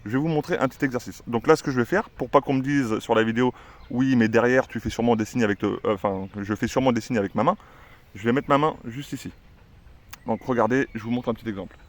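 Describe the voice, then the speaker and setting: Un homme qui explique le dressage de son chien en vlog décontracté, avec beaucoup d'hésitations. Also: male voice, mid-range voice, quick pace. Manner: chatty, many "euh" fillers, gives commands to the dog. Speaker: dog trainer and channel owner. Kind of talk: casual explanatory vlog with a dog.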